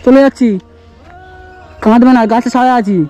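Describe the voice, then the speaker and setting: A man's voice: very high-pitched, fairly even intonation, normal speed, highs cut off, faint music behind. A man vlogging outdoors with his small daughter, coaxing and doting on her in casual talk. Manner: coaxing, doting, talks softly to a small child. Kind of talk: casual vlog talk to a child. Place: outdoors in tree shade on a hot day.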